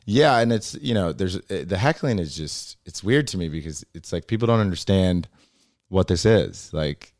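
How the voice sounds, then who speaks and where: A man's voice: low voice, dry recording, studio quality. A young man, a stand-up comic, telling stories in a casual podcast chat and acting out the lines of the people in them. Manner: fast, animated storytelling with acted-out quotes.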